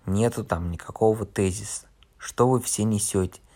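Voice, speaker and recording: A big, rude young wizard grumbles back in a gruff, surly tone, as a male reader plays him. His voice sits low, and he sounds dismissive and unbothered in a storybook reading. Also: moderate pace, mellow, natural voice. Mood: sullen.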